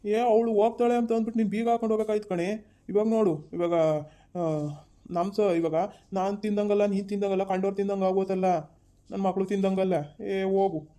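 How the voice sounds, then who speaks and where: A man's voice: high-pitched, level tone, fairly quick, dark tone, natural voice. A man playing an exasperated scolding husband. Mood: upset. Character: frustrated husband who lost his savings. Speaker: actor. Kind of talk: village family drama.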